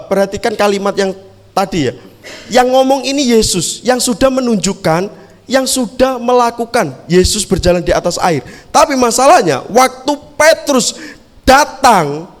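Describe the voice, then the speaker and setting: A man preaching at a youth service, reading scripture aloud and explaining it conversationally, acting out the quoted lines. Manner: acts out the quoted lines of the story with raised pitch. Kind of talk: sermon. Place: church hall. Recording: long hall reverb.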